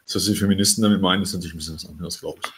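Schnell redender, heiserer Mann. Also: male voice, deep voice, fairly even intonation, fairly bright tone, husky. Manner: quick, opinionated, laughs often. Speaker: podcast co-host. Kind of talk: casual chat.

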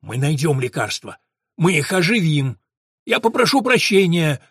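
A desperate, heavy-set drunk who begs, rants and turns menacing, his voice pushed loud and a little higher than plain talk, as a male narrator puts him on. The recording is dry and close, with no room sound. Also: very animated, moderate pace, breathy edge, dry recording, exaggerated voice. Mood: frantic. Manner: wailing, begging, half-mad. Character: heavy drunk older man, pleading and frantic. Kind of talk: audiobook character voice.

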